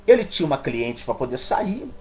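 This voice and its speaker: A male pastor, preaching a sermon as a lively storyteller in a church. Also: medium pitch, normal speed.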